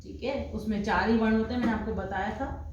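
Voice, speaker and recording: A woman's voice: medium pitch, fairly even intonation, fast, a little mellow, highs cut off. A woman teaching the Hindi alphabet, reciting syllables one at a time and patiently explaining how to write them. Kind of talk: slow recited alphabet lesson. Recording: very echoey room, faint background hum.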